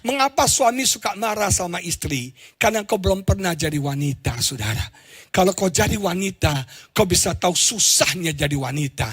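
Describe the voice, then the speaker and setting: High-voiced, husky Indonesian preacher man. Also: a little fast. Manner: lively storytelling preacher, swings between loud exclamations and low asides. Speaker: pastor. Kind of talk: sermon. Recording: live church stream with faint music behind.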